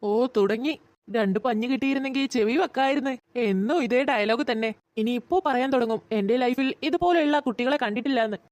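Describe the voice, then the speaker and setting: A woman's voice: fairly high pitch, fast, a little mellow, dry recording, lightly acted. A woman voicing a careless, cheeky schoolboy in a cartoon who talks in an offhand, sarcastic way.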